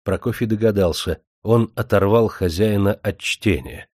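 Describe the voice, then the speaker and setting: A man giving scripted audiobook narration in an even storytelling manner. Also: on the low side, moderate pace, no room sound, clean studio sound.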